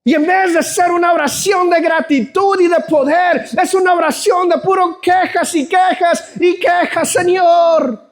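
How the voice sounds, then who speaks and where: A man's voice: very high voice, fairly even intonation, a little slow, few pauses. A man preaching a sermon fervently, often calling out to the congregation as brothers.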